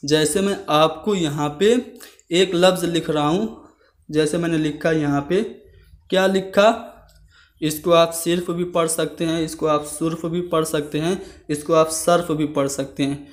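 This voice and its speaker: A man with a fairly high voice works through exam questions one by one. He reads each option aloud and explains it patiently. The room around him is echoey. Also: steady tone, a little slow. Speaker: exam teacher. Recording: roomy echo.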